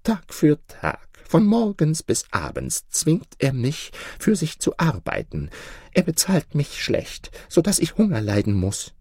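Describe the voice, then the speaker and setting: A man's voice: fairly high pitch, huge pitch swings, unhurried, a little mellow, slightly rough, no echo, studio quality, voice pushed down, heavily acted. A storyteller voicing a crafty, humble old male carpenter in a storybook reading, pleading and sly. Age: older.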